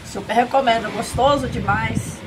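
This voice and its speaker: A woman's voice: on the high side, steady tone, moderate pace. A middle-aged woman with a Brazilian accent presenting a product tasting to camera in a chirpy manner, mixing in Japanese phrases. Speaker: video channel host. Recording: noisy outdoor ambience.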